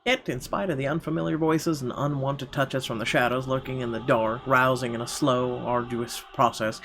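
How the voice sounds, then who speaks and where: A man narrates a horror visual novel in the first person as he plays. His medium-pitched voice is dramatic and expressive, with faint music running underneath. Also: moderate pace. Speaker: let's player reading game narration.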